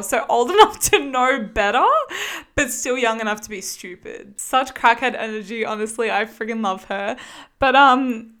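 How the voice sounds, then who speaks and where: A young Australian woman co-hosting a podcast, telling stories in an animated way and laughing often. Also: a little high. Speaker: podcast co-host. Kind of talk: casual chat.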